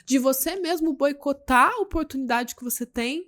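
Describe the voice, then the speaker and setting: High-voiced woman wrapping up a podcast. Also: moderate pace, a bit bright. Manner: thoughtful, with frequent "né?" tags. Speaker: podcast co-host. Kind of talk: reflective podcast talk.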